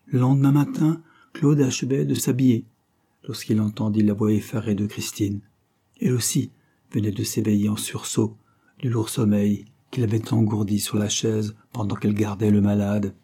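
Guy reading a classic novel aloud, measured and grave, very dark mellow voice, kinda low. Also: steady tone, breathy edge. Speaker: audiobook narrator. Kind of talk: literary audiobook narration.

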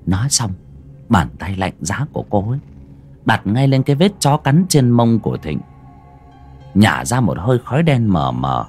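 A man giving dramatic, expressive scripted horror story narration, dropping low and hushed at eerie moments. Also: moderate pace, soft background music.

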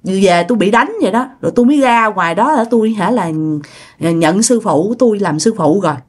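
A woman's voice: expressive, a little fast, natural voice. A woman voicing the angry, defiant spirit of a dead teenage girl speaking through a possessed relative in a told ghost story. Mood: resentful. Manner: snapping, shrill, accusing.

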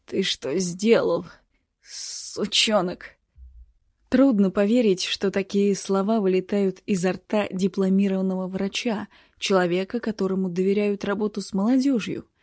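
A middle-aged woman reads a first-person audiobook in a tense, measured voice. Her tone is mellow and dark, and the recording is dry and close with no room sound. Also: mid-range voice, fairly even intonation, dry recording. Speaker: audiobook narrator.

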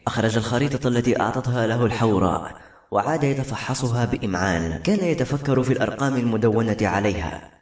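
Brisk male audiobook narrator, echoey room. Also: medium pitch. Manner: steady, brisk storytelling. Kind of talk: novel reading.

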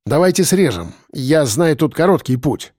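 A man doing a gruff village cop. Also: fairly high pitch, lively intonation, moderate pace, a little mellow, dry recording, studio quality. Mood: plain. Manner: barking, exasperated orders. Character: gruff village police officer, stern but jumpy.

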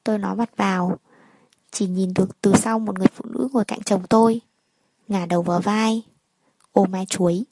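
A woman telling a first-person story in a plain, even narrating manner. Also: mid-range voice, moderate pace, pauses often, breathy edge, rough recording.

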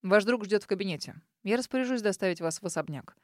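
A woman voicing a middle-aged male police officer who speaks in a formal, measured way. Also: mid-range voice, animated, dry recording, clean studio sound, close to an everyday voice.

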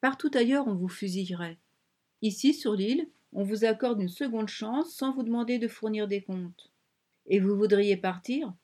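A proud, domineering strongman of a castaway colony, as a woman reader puts him on, curt and cutting in an audiobook telling. His lines come in a plain reading voice with little change of timbre, and at times he drops to a breathless hush. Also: sits high, moderate pace. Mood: bitter. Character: proud, domineering male island strongman, former singer.

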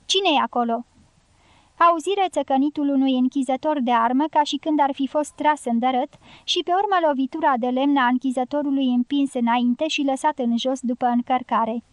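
A woman with a high voice reads a novel aloud in a measured, literary way. The sound is close and dry, with no room around it. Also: dry recording. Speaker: audiobook narrator. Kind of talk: scripted audiobook narration.

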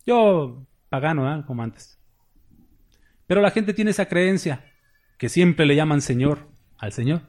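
With a slightly high, expressive and a little mellow voice, a pastor preaches at a measured pace, pausing often. His style is conversational, and he repeatedly reaches out to the congregation with "¿verdad?" and "¿sí?".

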